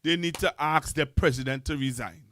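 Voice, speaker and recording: A man's voice: fairly high pitch, normal speed, a bit bright, slight background noise. A man hosting a call-in talk show, chiding his guest and taking callers. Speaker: host.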